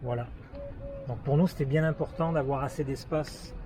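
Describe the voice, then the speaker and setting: With vehicles and outdoor noise around him, a travel vlogger in his thirties speaks in a warm, medium-pitched voice with fairly even intonation at a moderate pace. His Québécois French accent comes through as he casually shows off a new car, often pausing with fillers and restarts.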